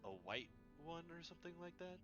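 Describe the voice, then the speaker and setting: A man's voice: on the high side, sing-song, brisk, dull audio, over music. A man playing a tabletop game, talking casually as a player.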